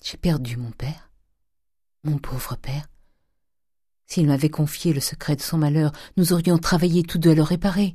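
A distraught young man in fresh grief, as the reader acts him out. His lines come out anguished and pleading, in a dark, dry storybook voice. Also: mid-range voice, steady tone, moderate pace, pauses often, breathy edge, no echo, natural voice.

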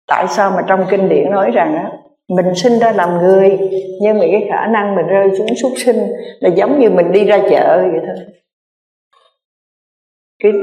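A Buddhist nun delivers an earnest sermon, repeating key phrases for emphasis and speaking straight to her listeners. Her mid-pitched voice rings through a roomy hall with a long, trailing reverb. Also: mellow. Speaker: Buddhist nun giving a dharma talk.

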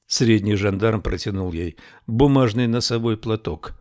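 A man reads a novel aloud with measured, expressive storytelling. His voice sits a little low, recorded close and dry with no room sound. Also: dry recording. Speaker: audiobook narrator. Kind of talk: scripted narration.

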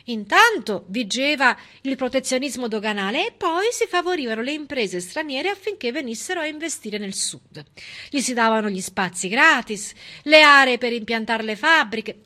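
Her high-pitched voice is pushed and bright as she tells a story on stage in a theatrical monologue. She leans on emphasis, dramatic pauses, and an ironic edge.

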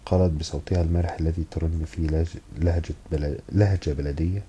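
A man with an Egyptian accent reading a novel aloud in the first person, measured, with wry asides. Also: rumbling low, steady tone, dark tone, a little hiss or hum, poor audio. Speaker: audiobook reader.

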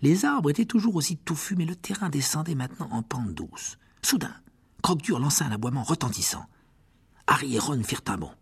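A man's voice: a little high, sing-song, brisk, vocal fry, husky. A man narrating a fantasy audiobook dramatically, often dropping to a whisper. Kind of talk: expressive audiobook reading.

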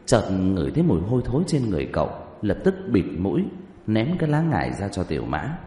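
A man narrating an audiobook story with a low, dark and mellow voice that moves widely in pitch. The recording sounds roomy, with a long echo. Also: fast. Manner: lively, expressive storytelling.

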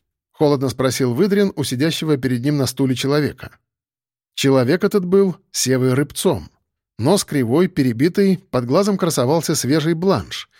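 Man, audiobook narrator, fairly high voice, dry close studio sound, even storytelling. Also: dry recording. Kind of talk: scripted first-person narration.

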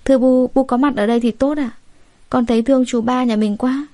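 A woman voicing a scheming, sharp-tongued elder sister-in-law in a spoken family drama, talking fast and sneering. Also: sits high, steady tone, dry recording, pitched above the performer's own voice, close to an everyday voice.

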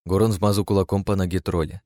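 A man reads a first-person fantasy audiobook in a low voice with a dry, wry delivery. The sound is close and dead, with no room echo. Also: flat delivery, quick pace, mellow. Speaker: audiobook narrator.

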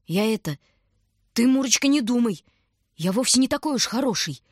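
A woman doing a squeaky, rambling old stranger. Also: lively intonation, normal speed, a little mellow, no echo, clean studio sound. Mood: muttering. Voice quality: squeaky, mumbling. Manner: rambling, muttering to himself. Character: muddled squeaky-voiced male stranger, rambling.

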